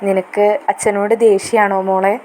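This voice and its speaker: A woman's voice: mid-range voice, flat delivery, moderate pace, darkish tone, a little hiss or hum, close to an everyday voice. Woman voicing an old caring father. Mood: comforting. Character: caring elderly father, fond and protective.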